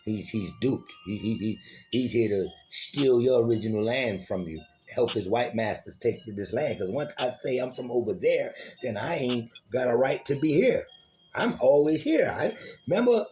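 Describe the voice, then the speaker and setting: A man's voice: medium pitch, darkish tone. Profane, emphatic man lecturing. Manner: profane, emphatic, repeats words, addresses listeners as y'all. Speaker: self-styled teacher of an online program. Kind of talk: informal streetwise lecture.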